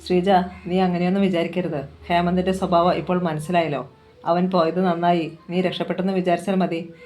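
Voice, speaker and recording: Gentle protective man, as a storyteller reads him. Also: medium pitch, level tone, fairly quick, faint music behind, lightly acted. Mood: reassuring. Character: gentle protective married man, older-brother figure. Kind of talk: audiobook novel reading.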